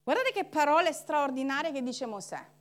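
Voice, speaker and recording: A woman's voice: high-pitched, moderate pace. A woman pastor preaching a sermon, acting out the people in her story and laughing as she goes. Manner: animated, acts out quoted voices with laughter.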